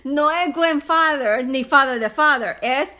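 A woman with a high, bright voice runs a casual English lesson at an unhurried pace. She corrects patiently and breaks into laughter often. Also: expressive. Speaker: English tutor and co-host. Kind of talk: casual teaching chat.

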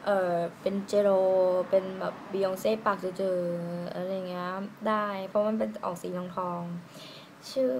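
A woman doing a casual lipstick swatch review, chatty and giggly, musing aloud with drawn-out fillers. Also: lowish voice, fairly even intonation, a little mellow. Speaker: beauty vlogger. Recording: noisy room ambience.

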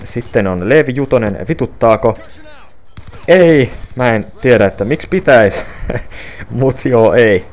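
A man's voice: medium pitch, animated, darkish tone. A young man reading viewer questions off his phone and answering them casually, with many fillers and restarts. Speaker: gaming channel creator answering viewer questions.

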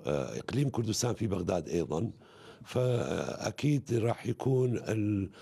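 A middle-aged man giving halting, unscripted commentary as a political analyst. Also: on the low side, vocal fry, mellow, breathy edge. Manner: halting, hesitant. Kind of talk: spontaneous interview commentary. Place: indoor room. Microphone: handheld interview microphone.

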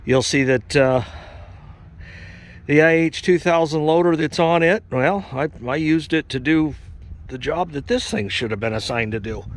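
A farm equipment vlogger, a man with a slightly high voice, wanders a snowy equipment auction lot at a moderate pace, talking into a handheld camera. His outdoor walk-around commentary is casual and rambling, relaxed and full of fillers.

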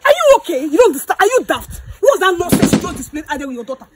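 High, shrill indignant woman. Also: very animated, racing, heavy background noise. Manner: indignant, loud scolding with sharp swings. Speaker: comic actor. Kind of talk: comedy skit acting.

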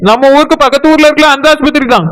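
A man's voice: extremely high pitch, steady tone, very fast, fairly bright tone. A man voicing a giggly, careless young village woman in a cartoon, in a sing-song Tirunelveli Tamil accent. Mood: sheepish.

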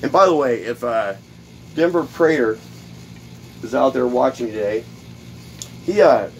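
A DIY host speaks in an expressive mid-range voice, a little slowly, on a rough recording with slight background noise. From his cluttered home workshop, he gives a casual how-to, explaining the build one step at a time with lots of fillers and repetition.

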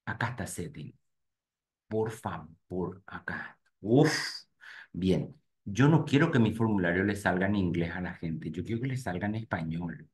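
A low-voiced man leads a live webinar for real estate agents. He speaks straight to his audience and narrates each click out loud as he works through the screens. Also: expressive, measured pace. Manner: talks to "gente" directly while clicking through screens, thinking aloud. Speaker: real estate marketing instructor.

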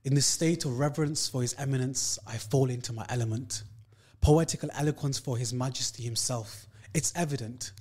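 Speaking briskly in a medium-pitched voice that's a little mellow with a breathy edge, this Leicester man appears as a guest poet in a radio studio. He discusses poetry and performs spoken-word verse rhythmically and emphatically, and his first language isn't Urdu.

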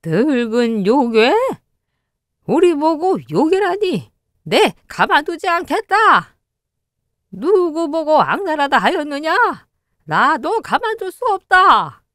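A woman's voice: high voice, very animated, measured pace, dry recording, clean studio sound, voice pushed up. A woman voicing two bickering old male hermits in a cartoon story, huffy and drawn out. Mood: indignant.

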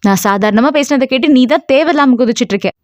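A woman's voice: sits high, fast, darkish tone, no room sound, clean studio sound, lightly acted. Woman voicing a scornful older sister. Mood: offhand. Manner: careless, offhand. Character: dismissive, suspicious elder sister.

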